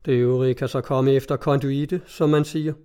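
A man reading the part of a hot-tempered cutter skipper who barks orders in a gruff, blunt way. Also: mid-range voice, steady tone, warm tone, lightly acted. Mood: gruff, scornful.

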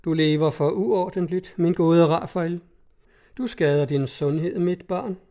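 A man voicing a kindly, jovial old pope who gently scolds. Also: on the high side, natural voice. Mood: fatherly.

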